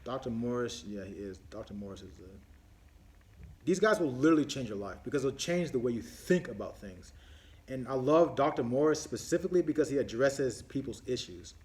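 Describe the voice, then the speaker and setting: A man's voice: mid-range voice, lively intonation, brisk, a little mellow. A man hosting a casual live-stream Q&A on his phone, rambling with many fillers and restarts as he answers viewer questions one by one.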